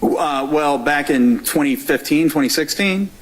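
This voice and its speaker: A man's voice: a little high, unhurried. A man testifying as a witness in a courtroom, giving polite, careful, qualified answers. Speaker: witness, deputy district attorney. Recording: faintly noisy courtroom audio.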